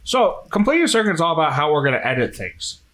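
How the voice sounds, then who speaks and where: A man's voice: on the high side, big pitch swings, a little fast, fairly bright tone. A man co-hosting a podcast in casual chat, teasing and playing the contrarian joker. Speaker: podcast co-host.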